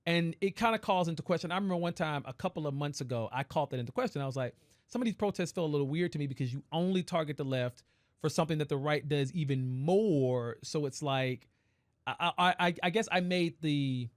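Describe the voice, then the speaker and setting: A man's voice: a little high, fast talker, dry recording, studio quality. A man co-hosting a podcast, talking politics in casual chat and building long, hedged arguments. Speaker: podcast co-host.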